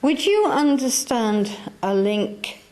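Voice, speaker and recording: Her voice is fairly high and a little mellow, slow, with big swings in pitch. She's a medium from England addressing a church audience in a hall, coaxing and chatty, often looping back to repeat herself.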